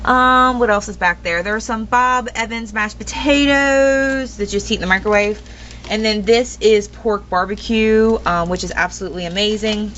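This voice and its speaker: A woman's voice: medium pitch, moderate pace, fairly bright tone. A young woman giving a casual, rambling home tour, full of ums and blunt opinions. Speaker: vlogger. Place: kitchen at home. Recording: dull lo-fi home video with noise.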